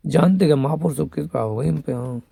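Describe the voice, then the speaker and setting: Gravelly, husky-voiced man preaching devotion. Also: fairly high pitch, fast talker, warm tone, dry recording. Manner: scolding, mocking listeners between devotional teaching; speaks of himself as a female companion of the goddess. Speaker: devotional guru. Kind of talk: rambling devotional monologue.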